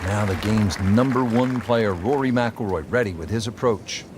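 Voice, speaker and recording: A man doing play-by-play golf commentary as a broadcast announcer, with a polished, measured delivery. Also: on the low side, background noise, lightly acted. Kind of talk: scripted sports commentary. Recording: loud music and crowd behind. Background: music and golf crowd.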